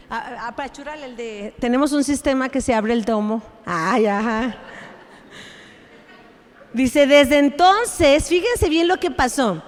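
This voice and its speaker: A woman preacher delivers a sermon in an animated, playful way, acting out scenes as she goes. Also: high voice, in a large hall. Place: church sanctuary.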